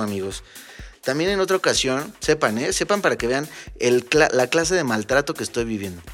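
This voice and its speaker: A man with a Mexican Spanish accent hosting a podcast, telling stories in a casual, animated, joking way and talking straight to his listeners as friends. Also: medium pitch. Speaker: podcast host. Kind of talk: casual comedic storytelling. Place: home studio.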